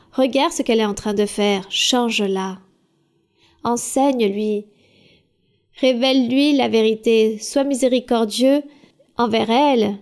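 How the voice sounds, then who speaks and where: A woman leading a Bible study answers questions in a calm, direct way. Her voice sits a little high, and she explains things plainly and firmly, like a teacher. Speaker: church leader answering questions.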